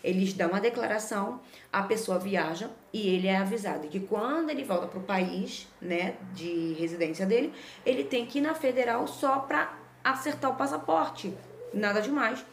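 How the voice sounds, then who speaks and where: Animated and talkative, this woman, a Brazilian Portuguese-accented mother who vlogs, shares a personal story and keeps tagging lines with "né?". She speaks at normal speed in a medium pitch, in an echoey room with slight background noise.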